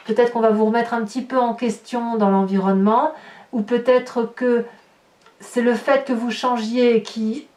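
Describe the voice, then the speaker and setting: A woman tarot reader with a fairly high voice talks her way through a spread, musing and hesitant and posing rhetorical questions to the viewer. She sits some way from the mic, and the room around her rings with reverb. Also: fairly even intonation, unhurried, darkish tone. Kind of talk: tarot reading to camera. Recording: roomy, distant mic.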